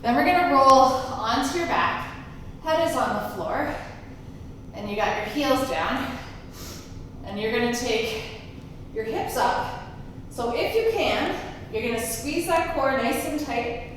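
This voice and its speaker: A woman's voice: high voice, expressive, slow pace, long pauses, fairly bright tone. A woman fitness instructor coaching a workout live, calling out short encouraging cues and demonstrations, somewhat out of breath. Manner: encouraging, calling out brief commands and countdowns. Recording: echoey room, distant mic, noisy.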